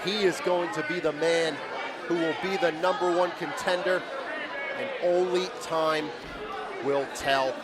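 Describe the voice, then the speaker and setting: High-pitched male wrestling commentator over roaring crowd. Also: fairly even intonation, measured pace. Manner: dramatic, emphatic calls. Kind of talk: wrestling commentator, live play-by-play. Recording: live event, loud crowd noise. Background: very loud crowd and venue noise.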